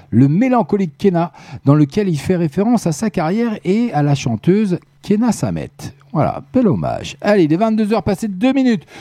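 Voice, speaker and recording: A man hosting a live evening radio show, chatty and joking with listeners, his voice going hoarse. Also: sits high, mellow, no room sound. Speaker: radio host. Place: radio studio.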